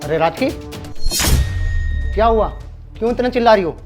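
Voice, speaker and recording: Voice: medium pitch, lively intonation, normal speed, darkish tone, soft background music, lightly acted. A performer acting a husband who firmly reasons and defends the servant in a short drama skit. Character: husband, a fair-minded office-going man. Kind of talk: scripted Hindi skit acting.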